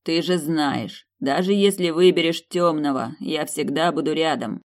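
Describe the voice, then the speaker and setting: A woman's voice: low voice, measured pace. Woman voicing a sly mocking demon man. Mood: stern. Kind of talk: audiobook character voice.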